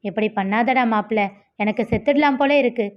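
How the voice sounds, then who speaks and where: A woman's voice: fairly high pitch, normal speed, lo-fi sound, close to an everyday voice. A woman voicing a young man who is emotional and hurt, speaking tearfully and reproachfully to his friend. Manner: tearful, pleading, then reproachful.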